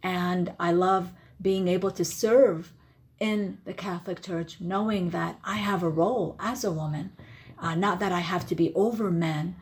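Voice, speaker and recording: Soft-spoken religious sister from Iraq. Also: female voice, on the low side, fairly even intonation, unhurried. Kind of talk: personal testimony in interview. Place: studio.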